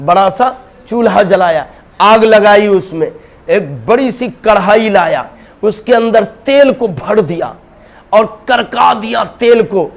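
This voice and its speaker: A male preacher telling a dramatic story in a sermon, emphatic and speaking straight to his audience. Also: sits high. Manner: emphatic, addresses the audience directly.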